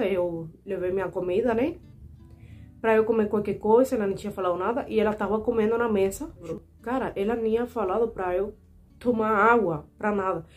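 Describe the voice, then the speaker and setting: Chatty Cuban woman in her twenties. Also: mid-range voice. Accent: Cuban Spanish. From Cuba. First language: Spanish. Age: 20s. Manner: chatty, animated, frequent fillers and asides to viewers. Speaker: vlogger. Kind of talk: casual storytelling to camera.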